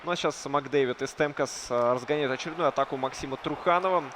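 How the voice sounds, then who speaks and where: A man's voice: mid-range voice, fast talker. A man giving live play-by-play commentary on an esports hockey match, often hesitating between phrases. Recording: crowd noise behind. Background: crowd noise.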